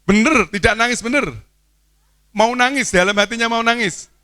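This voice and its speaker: A man's voice: extremely high pitch, moderate pace, bright, forceful tone, clean tone, no echo. Playful man teacher. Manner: playful, coaxing, asks the crowd questions. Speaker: teacher addressing students. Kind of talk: lively speech to children at an opening event. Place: boarding school hall.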